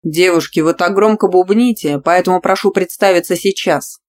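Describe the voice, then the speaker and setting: A woman reading out the lines of a brisk, stern male gym teacher in an audiobook, loud and commanding. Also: sits low, steady tone.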